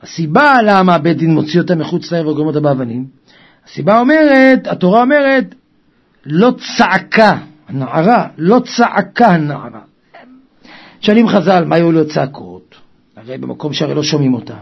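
Guy giving a torah sermon, high gravelly voice, all over the place pitch-wise, gets fired up, dull lo-fi recording. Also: lively intonation. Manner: impassioned, swings from quiet to loud cries. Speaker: preacher.

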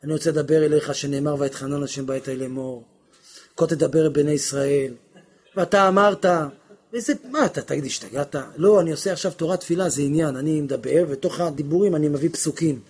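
A man teaching a religious lesson on prayer, impassioned, swinging from hushed asides to shouts and acting out little dialogues. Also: a little high, slightly rough.

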